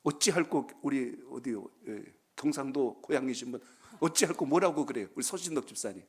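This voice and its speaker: A man's voice: mid-range voice, brisk, breathy edge. A man, a pastor, preaching a Friday prayer-meeting sermon in a church, calling for amens and telling folksy jokes. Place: church sanctuary.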